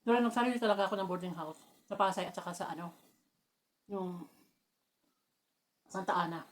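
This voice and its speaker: A woman from the Philippines chatting casually while eating, telling family stories with frequent laughter and lively bursts. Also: fairly low pitch, fairly quick, a little hiss or hum. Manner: laughs often, animated when telling anecdotes. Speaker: vlogger.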